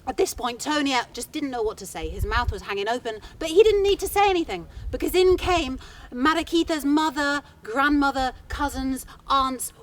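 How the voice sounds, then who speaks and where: A woman telling a folktale live to an audience, in a chatty, animated way with playful asides. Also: high voice, moderate pace. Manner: lively, chatty, dramatic asides. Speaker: storyteller.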